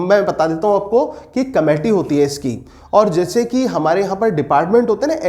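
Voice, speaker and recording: A man teaching English pedagogy for teacher exams, posing questions to his students and slowing down to dictate definitions. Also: high voice, darkish tone. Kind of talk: exam-prep lecture.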